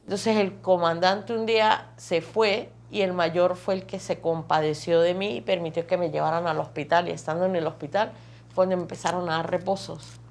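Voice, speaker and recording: A woman's voice: lowish voice, steady tone, normal speed, darkish tone. A woman gives an emotional personal testimony. She tells her story vividly, stacking phrase on phrase and repeating words for emphasis. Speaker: testimony guest.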